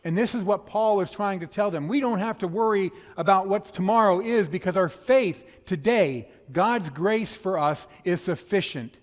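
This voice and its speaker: A male pastor from the northern United States preaching a sermon in a quick, conversational storytelling way, with a slight lisp on his s sounds. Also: sits high. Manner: fast-talking, conversational storytelling. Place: church sanctuary. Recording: long hall reverb.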